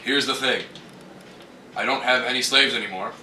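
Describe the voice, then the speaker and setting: A man's voice: mid-range voice, normal speed, bright, forceful tone. Casting: male actor as offhand comic schemer, everyday delivery, off-mic, noisy room. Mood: smug threatening. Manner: casual, hesitant, matter-of-fact. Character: Prospero, deadpan scheming former master, casually blackmailing. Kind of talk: improvised comic mockumentary. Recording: distant, echoey mic with noisy ambience.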